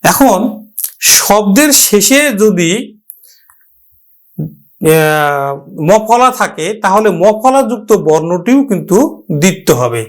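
A man teaching a pronunciation lesson, addressing students directly, explaining step by step and slowly drawing out example words. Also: high voice, very animated. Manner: slow, drawn-out repetition of example words. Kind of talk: Bengali grammar lesson.

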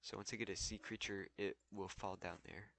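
Thinking aloud mid-game, a young tutorial creator gives a loose, casual walkthrough crowded with fillers. His lowish, slightly bright voice has vocal fry, fairly even intonation and a fairly quick delivery.

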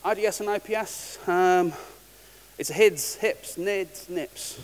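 A man's voice: high voice, slow. A man giving a technical conference talk, casual and wry, often restarting words. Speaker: conference speaker. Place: large conference hall. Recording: reverberant hall with faint hiss.

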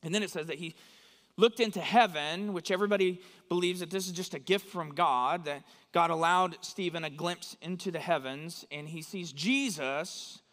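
Man, pastor, conversational sermon, checks in with listeners, slightly high voice, long church reverb. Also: moderate pace, a bit bright. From West Texas. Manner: conversational, often checks in with "right?". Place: church sanctuary.

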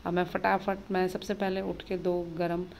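A woman in her thirties, a mother, narrating her busy morning in a casual daily vlog, chatty and hurried. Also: fairly low pitch, level tone, gravelly, darkish tone, a little hiss or hum. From Uttarakhand, India. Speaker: vlogger, mother of two.

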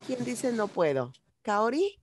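A woman's voice: a little high, very animated, takes it slowly, soft background music. A woman teaching English to young children in an online class, patiently repeating each phrase in Spanish. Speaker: primary school English teacher.

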